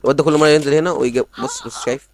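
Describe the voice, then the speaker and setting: A young man with an Egyptian Arabic accent commenting on his own online shooter match, rapid and excitable, repeating himself in frustrated outbursts. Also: a little high, slight background noise. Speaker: gaming channel host. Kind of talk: live gameplay commentary. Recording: music over gameplay.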